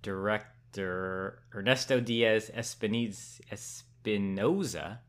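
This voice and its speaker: A man with a fairly low voice shares his take on a movie in relaxed podcast conversation. He sounds thoughtful, often backing up and rephrasing mid-sentence. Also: takes it slowly. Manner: thoughtful, self-correcting, restarts often. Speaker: podcast co-host. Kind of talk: casual film review chat.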